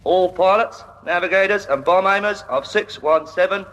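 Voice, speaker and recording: An actor playing a male airbase announcer making a formal call over a loudspeaker tannoy, in a 1940s-style radio drama. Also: sits high, normal speed, in a large hall, lo-fi sound. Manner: crisp, repetitive official call.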